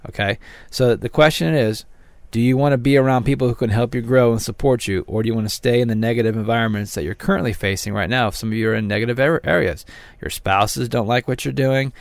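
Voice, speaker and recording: A man's voice: mid-range voice, quick pace, vocal fry, no room sound. A man hosting a promotional teleseminar, speaking straight to his listeners in a motivational sales patter. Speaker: seminar host and promoter.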